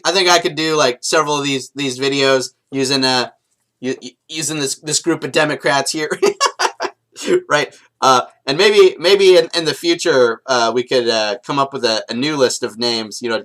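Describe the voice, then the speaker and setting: A young man chatting to camera in a casual vlog. He rambles, restarts sentences, and swears freely. His pitch sits in the ordinary middle range for a man. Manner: profane, swings from shouting rant to mumbling asides; halting, many restarts and fillers. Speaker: vlogger.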